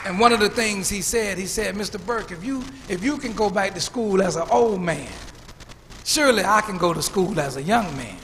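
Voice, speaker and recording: A man preaches a storytelling sermon. His voice sits high for a man and rings out with a long church reverb, with faint room noise behind it. He repeats words as he builds toward each point. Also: normal speed, fairly bright tone, a faint crowd. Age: 50s. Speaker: pastor.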